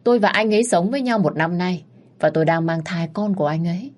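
A woman voicing a sharp-tongued, scheming young mistress in a storybook reading. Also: mid-range voice, lively intonation, fairly quick, voice pushed up, lightly acted. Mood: shrill.

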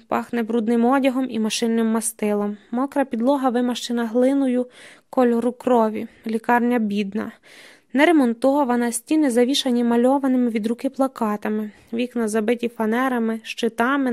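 A woman reading literary prose aloud, steady and measured with tense dramatic emphasis. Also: on the high side. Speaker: audiobook narrator. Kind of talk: scripted literary narration.

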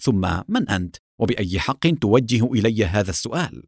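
A man's voice: lowish voice, sing-song, fairly quick, a little mellow, no echo, studio quality. A man reading the lines of an impatient, indignant male engineer in a storybook. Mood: annoyed. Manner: curt and indignant.

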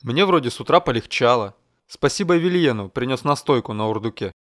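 A man voicing a cocky, amused wounded lord who teases in a low, easy tone. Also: animated, a little fast, a bit bright, dry recording, studio quality, close to an everyday voice. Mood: teasing. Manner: low, mocking, easygoing.

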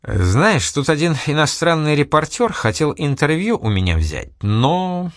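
A male narrator voicing a calm, wry young fighter speaking quietly. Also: fairly high pitch, a little slow, dry recording, clean studio sound, pitched above the performer's own voice. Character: calm sly young man, fighter before a final.

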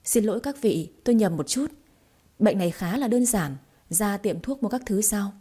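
A woman's voice: medium pitch, expressive, moderate pace, dark tone, breathy edge. A woman voicing a boastful, cheeky young female fortune-teller in a storybook reading, with brash, chattering speech. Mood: instructive. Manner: brash, chattering, self-mocking.

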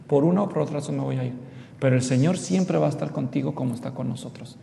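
A man's voice: fast, creaky, mellow. A middle-aged man preaching an expository sermon, telling family stories and speaking straight to the congregation. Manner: storytelling, addresses the congregation directly. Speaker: pastor. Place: church hall. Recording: echoey hall with faint rumble.

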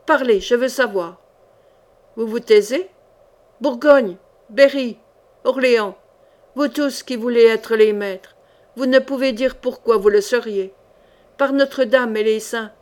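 A woman's voice: medium pitch, natural voice. Woman voicing a raving mad king. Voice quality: raspy, powerful voice. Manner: ranting, thunderous outbursts. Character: mad middle-aged king, raving and bitter.

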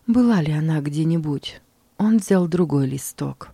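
A woman reading a story aloud in a calm, measured way. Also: low voice, no echo. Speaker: narrator. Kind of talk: scripted audiobook narration.

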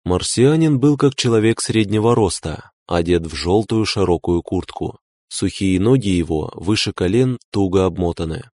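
A man narrating a novel in a steady, unhurried reading. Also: deep voice, no room sound. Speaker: audiobook narrator. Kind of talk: scripted narration.

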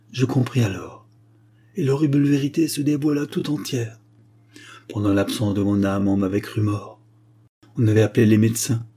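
A man reading a literary story aloud with a low, husky voice. His tone is dark and mellow, and his delivery swells with emotion as the tale turns tragic. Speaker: audiobook reader. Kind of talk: literary audiobook narration.

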